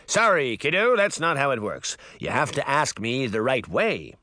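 A man's voice: medium pitch, very animated, moderate pace, bright, forceful tone, dry recording, clean studio sound. A man voicing a vain, theatrical magic mirror that brags and sulks in a showy way. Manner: pompous, showy bragging.

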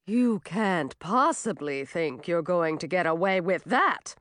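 A woman voicing a furious female river nymph who wails and shouts in outrage, for an audiobook. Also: fairly low pitch, expressive, slow, no room sound, clean studio sound. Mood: indignant. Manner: shouting, wailing, indignant. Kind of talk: audiobook character voice.

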